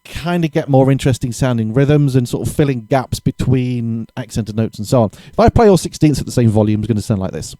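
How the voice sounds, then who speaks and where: A man giving a casual drum lesson, chatty and relaxed, correcting himself and counting beats aloud, with drums played between his explanations. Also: mid-range voice, a little fast, few pauses. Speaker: drum teacher. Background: drumming between explanations.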